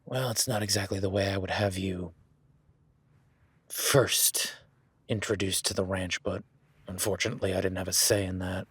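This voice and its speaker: This audio roleplay features a man as a rugged ranch hand guiding a newcomer, plain-spoken, folksy and easygoing, with casual swearing creeping in. He speaks low and husky, a bit bright, at normal speed with fairly even intonation and long pauses; there's no echo.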